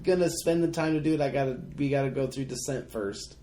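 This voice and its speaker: A man's voice: mid-range voice, fast talker, a crowd in the background. A man in his thirties co-hosting a casual podcast, rambling with enthusiasm. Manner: rambling, enthusiastic, many fillers. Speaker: podcast co-host. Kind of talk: casual chat. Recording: roomy echo.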